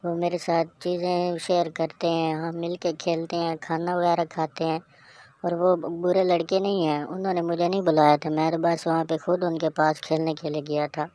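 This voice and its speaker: A woman's voice: on the low side, little pitch movement, mellow, dry recording, close to an everyday voice. A woman voicing a defensive young schoolboy in a cartoon story, pleading his case. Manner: pleading, protests his innocence.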